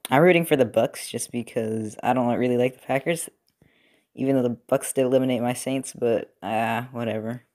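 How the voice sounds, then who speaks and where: A man's voice: mid-range voice, moderate pace, darkish tone. A young man chatting casually while he works on a build, rambling with lots of fillers and restarts. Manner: rambling, filler-heavy, self-correcting. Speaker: robot-building video creator. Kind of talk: casual commentary while working. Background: TV football game.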